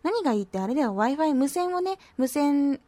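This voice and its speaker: A woman's voice: high voice, animated, a little fast, warm tone, dry recording. A woman hosting a radio show, chatting casually and reading listener posts in a playful, self-mocking way with a slight lilt. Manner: playful, self-mocking, puts on silly voices.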